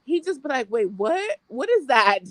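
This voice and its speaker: Woman, somewhat high voice, lively intonation, informal chat host, repeats phrases. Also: moderate pace, no echo, studio quality. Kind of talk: casual chat.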